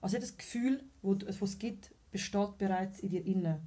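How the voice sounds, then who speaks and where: A woman with a Swiss German accent talks as a guest on a casual podcast. She explains her thoughts earnestly, step by step, at a middle pitch. Her voice is warm and mellow. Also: fairly quick.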